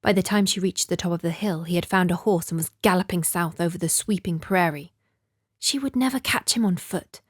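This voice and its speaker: A woman reading a novel aloud as an audiobook narrator in a measured, even storytelling manner. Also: fairly low pitch. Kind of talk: scripted narration.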